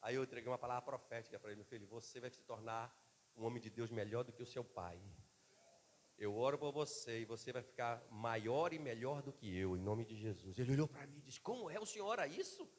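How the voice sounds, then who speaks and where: A pastor preaching a sermon, a man, swinging between loud and soft delivery in a church. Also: mid-range voice, fairly quick, long reverb tail.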